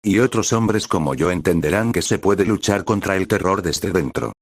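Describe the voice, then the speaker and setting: A man voicing a tired, condemned soldier who speaks slowly and hoarsely with calm resolve. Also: low voice, no echo, clean studio sound. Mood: resolute.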